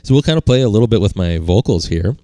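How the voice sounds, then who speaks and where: A man's voice: fairly low pitch, expressive, quick pace, warm tone, no echo. A man co-hosting a podcast, rambling casually with lots of filler words while demonstrating effects on a video call. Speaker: podcast co-host. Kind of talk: casual gear demo chat.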